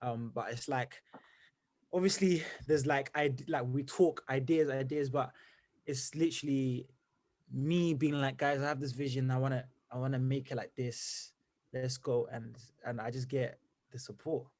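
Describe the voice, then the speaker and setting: A young man from Zimbabwe, a musician who is a guest in an interview. He talks energetically and rambles, stringing thoughts together with plenty of fillers. His voice sits at an ordinary middle pitch. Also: fairly even intonation, moderate pace, a little mellow. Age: young adult. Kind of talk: casual interview answers.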